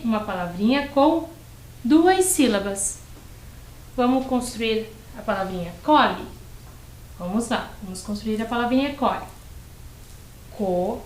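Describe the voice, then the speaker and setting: Brazilian woman, teacher, unhurried speech, drawn-out syllables, reverberant room. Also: fairly high pitch. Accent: Brazilian Portuguese. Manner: stretches words and syllables, patient and encouraging. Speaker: primary school teacher. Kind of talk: slow, clearly spelled-out lesson for young children.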